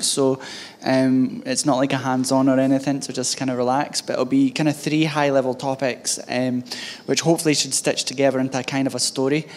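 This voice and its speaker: A man's voice: mid-range voice, a little hiss or hum. A man with a thick, broad Scottish accent gives an informal tech talk to an audience, in a loose, hesitant, conversational way. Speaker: conference speaker, head of DevOps at a bank.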